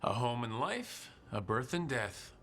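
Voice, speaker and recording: A man's voice: mid-range voice, very animated, measured pace, bright, forceful tone, full character voice. An actor playing an assured, businesslike male team leader in a fantasy video game. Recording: music under the voice.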